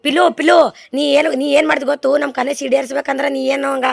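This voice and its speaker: Mom vlogger, gravelly husky voice, bit high, soothing and coaxing. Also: female voice, fairly even intonation, racing. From Maharashtra border region. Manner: comforting, coaxing, speaks to viewers as friends. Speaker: vlog host, mother. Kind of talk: family vlog chat.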